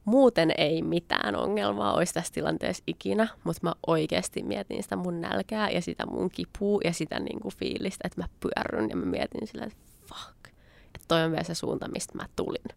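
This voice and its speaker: In a dry recording, a young adult woman with a low, creaky, animated voice rattles off a personal anecdote with few pauses. She chats along and acts out what she said at the time through quoted asides.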